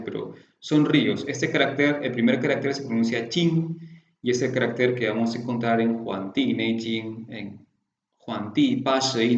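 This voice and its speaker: A man's voice: mid-range voice, a little hiss or hum. Man lecturing in a roomy, dull recording. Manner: explanatory, poses rhetorical questions, often adds tag questions. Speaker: lecturer in classical Chinese medicine.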